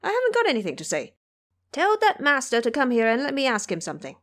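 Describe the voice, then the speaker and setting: A woman voicing an excitable, pleading male monkey demigod with a boastful, eager manner in an audio drama. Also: high voice, fast talker, pitched above the performer's own voice. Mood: impatient, eager. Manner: frantic, eager, yelling.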